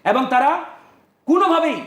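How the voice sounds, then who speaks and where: A male talk show guest arguing forcefully in a heated political debate, insisting and talking over the host. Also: very high-pitched, animated, normal speed, roomy sound.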